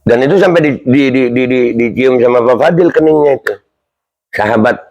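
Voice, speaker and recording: Male commentary host, mid-pitched, conversational and self-questioning. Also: brisk, darkish tone. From Indonesia. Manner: chatty, rhetorical, asks himself questions, reads news aloud. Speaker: channel host commenting on news. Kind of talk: casual commentary vlog.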